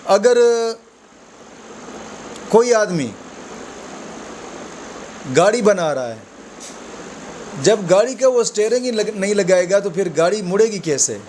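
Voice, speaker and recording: Man, high voice, spiritual advice talk, friendly explaining, noisy background. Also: animated, darkish tone. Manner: addresses listeners as friends, explains with everyday examples; slow, low Arabic recitation at the opening. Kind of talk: conversational religious talk to viewers.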